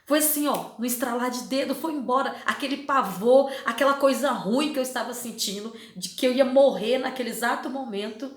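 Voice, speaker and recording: Woman, slightly high voice, heartfelt church testimony, repeats herself, echoey hall. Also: fairly quick, hardly any pauses. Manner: emotional, repeats phrases for emphasis. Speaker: church member giving testimony. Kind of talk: personal religious testimony.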